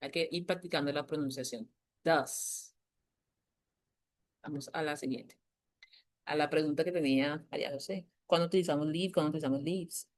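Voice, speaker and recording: A woman teacher explaining grammar to a class, patiently repeating key points and slowing down to stress them. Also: sits low, darkish tone. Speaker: English teacher.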